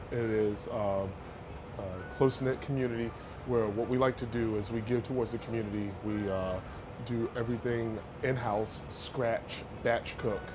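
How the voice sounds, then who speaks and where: A man from a pizza restaurant, describing the place and making a pizza in a steady, matter-of-fact way. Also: medium pitch. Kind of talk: interview and cooking demonstration.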